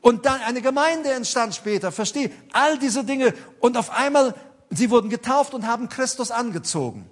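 High-voiced man preaching conversationally. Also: animated, normal speed. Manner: conversational preaching, addresses listeners directly, rising emphasis. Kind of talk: sermon.

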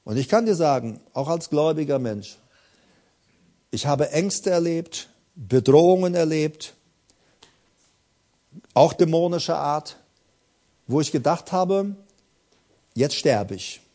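A man preaching a sermon with fervor, repeating phrases for emphasis and swinging from quiet, intimate words to loud cries while addressing his congregation directly. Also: on the high side, expressive, slow pace, long pauses.

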